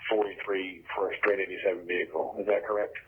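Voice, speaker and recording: A man's voice: low voice, steady tone, fast, husky. A man talking tersely over a police radio. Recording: thin phone-like police radio.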